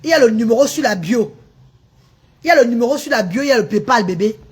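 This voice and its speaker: Husky, combative woman ranting live. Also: a little high, lively intonation, quick pace. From Cameroon. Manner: combative, insulting, mocking. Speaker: livestreamer running a charity restaurant. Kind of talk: live-stream rant and chat.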